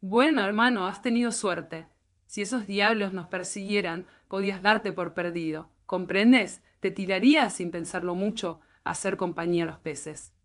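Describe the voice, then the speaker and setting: Brief: woman voicing a tough, threatening male thief, curt orders, middle pitch. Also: takes it slowly. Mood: calm, sly. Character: hard, menacing adult male dockside thief.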